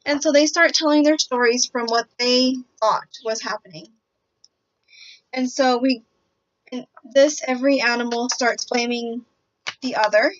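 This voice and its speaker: Woman with a highish voice going through a kids book summary, kinda halting and unsure, muffled lo-fi audio. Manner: hesitant, halting delivery with pauses mid-sentence. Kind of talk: semi-scripted picture book summary presentation. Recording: dull, lo-fi audio.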